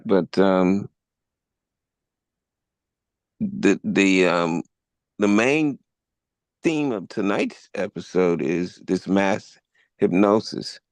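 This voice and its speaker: A low, gravelly man hosts a live podcast talk at a slow, deliberate pace. He laughs easily between points. The sound is dry and close, with no room around it. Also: expressive, no echo. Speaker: podcast host.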